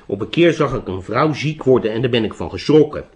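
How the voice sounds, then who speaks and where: A man's voice: mid-range voice, animated, a little fast, darkish tone, lightly acted. A man voicing a polite, unsure young wandering monk who answers hesitantly. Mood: earnest.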